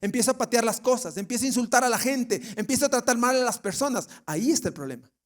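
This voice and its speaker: This pastor has an extremely high pitch and talks fast and expressively, with an Ecuadorian Spanish accent. During his sermon he questions the congregation, jokes and laughs, and occasionally acts out the people he quotes.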